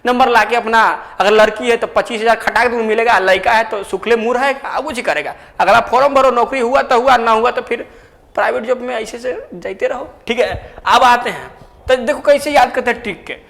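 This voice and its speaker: A man's voice: very high-pitched, brisk, creaky. A man teaching an exam lesson with memory tricks, chatty and jokey in a colloquial way. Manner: chatty, jokey, colloquial, rises loud when excited. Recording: echoey room with long reverb.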